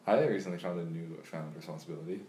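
Young male guest, deep and fast, roomy sound with faint ambience. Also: warm tone, slight background noise. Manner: quick, halting, with fillers. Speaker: podcast guest. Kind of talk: casual chat. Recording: echoey room with faint ambience.

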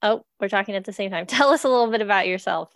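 A young woman hosting a faith podcast, speaking in a friendly, quick and chatty way. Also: medium pitch, no room sound, studio quality. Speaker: podcast host. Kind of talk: casual faith podcast interview.

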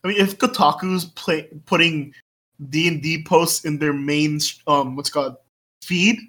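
Young woman from the Philippines, low-pitched voice, podcast co-host, blunt and relaxed, casual swearing. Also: normal speed.

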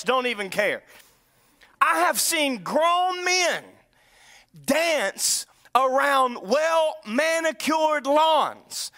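A man preaching a sermon in a North Louisiana accent, animated, with sudden shouts and drawled asides. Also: very high voice. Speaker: pastor.

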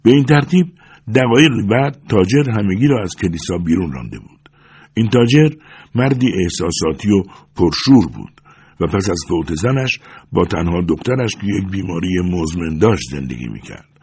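A male audiobook narrator reads a novel aloud in steady, measured storytelling. His voice sits fairly low and carries a husky, breathy texture. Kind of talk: scripted narration.

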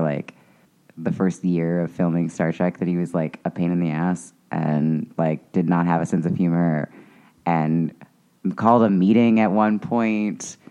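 A man's voice: deep voice, dark tone, clean tone, dull audio. A man co-hosting a podcast, telling a story in a rambling, hesitant way full of restarts. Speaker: podcast co-host. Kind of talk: casual chat.

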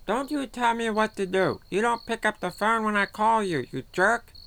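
Short-fused nagging aunt, woman doing the voice, snapping and scolding, middle pitch, homemade comedy audio drama. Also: expressive, moderate pace, creaky, no room sound. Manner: scolding, nagging, snaps and shouts insults. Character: bossy meddling middle-aged aunt, short-tempered.

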